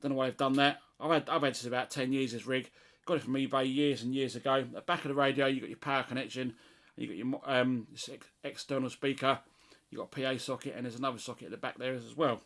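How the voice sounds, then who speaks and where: A middle-aged British man with a mid-range, somewhat bright voice speaks quickly and with fairly even intonation. As a CB radio hobbyist presenter, he does a casual hands-on test, narrating his thoughts off the cuff.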